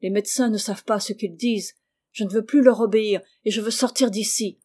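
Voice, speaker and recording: A woman's voice: mid-range voice, steady tone, moderate pace, darkish tone, lightly acted. A woman voicing Mac, a frustrated, sulky teenage boy confined by his sick eyes, in a storybook reading. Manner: sullen, complaining.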